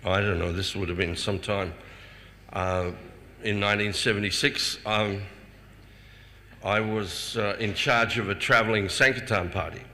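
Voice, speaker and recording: An older man telling personal anecdotes to a festival audience, chuckling often and stumbling over repeated words when he gets excited. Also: on the low side, normal speed. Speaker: speaker sharing personal memories. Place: festival hall before a live audience. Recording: reverberant hall with faint ambient noise.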